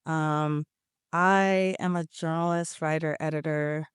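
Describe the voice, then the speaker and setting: A woman journalist guest in a casual interview, with a low, smooth voice. She talks thoughtfully and pauses on "um"s as she works out her answers. The recording is dry and close. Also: steady tone, no room sound. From California, United States. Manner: thoughtful, many fillers.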